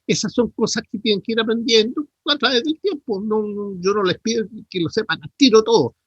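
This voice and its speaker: A man's voice: high voice, fairly quick, fairly bright tone, slightly rough, no room sound, highs cut off. A middle-aged man with a Chilean accent, a dentistry professor giving feedback in an online class and correcting terms with many tag questions. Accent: Chilean Spanish.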